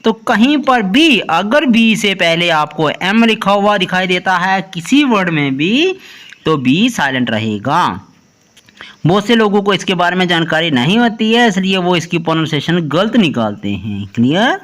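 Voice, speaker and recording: Lively high-pitched male teacher. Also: moderate pace. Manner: lively teaching tone, keeps asking "clear?". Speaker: English teacher, channel host. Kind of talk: Hindi-language video lesson on English pronunciation.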